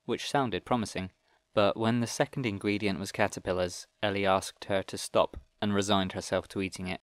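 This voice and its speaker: A man reads a fantasy storybook aloud in a steady, even way. His voice sits on the low side and the sound is dry and close to the mic. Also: no room sound. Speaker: audiobook narrator. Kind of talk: scripted narration.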